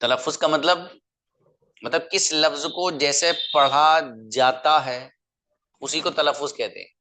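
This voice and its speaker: Bright-voiced male teacher drilling pronunciation. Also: a little high, steady tone. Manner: patient, repeats words slowly for drilling, addresses listeners as brother. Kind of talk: online class lecture.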